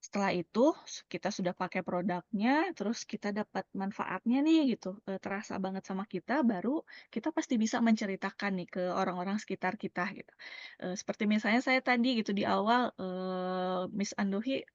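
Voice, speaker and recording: A woman's voice: mid-range voice, brisk, no room sound. Woman presenter, casual and chatty, muffled dry line. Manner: chatty, many fillers and tag words. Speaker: presenter sharing a sales plan. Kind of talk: casual explanatory talk.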